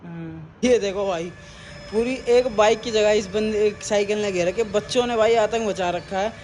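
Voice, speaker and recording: A man's voice: sits high, normal speed, a little mellow. A young man chatting casually to the camera for his family vlog, talking straight to viewers and teasing his dog. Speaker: vlogger. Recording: noisy handheld phone recording.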